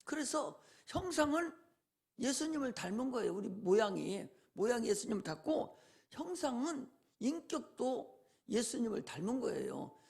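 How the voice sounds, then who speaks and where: Gravelly folksy male pastor preaching. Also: extremely high pitch, big pitch swings, moderate pace, a little mellow. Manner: folksy preaching with rhetorical questions. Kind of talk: sermon.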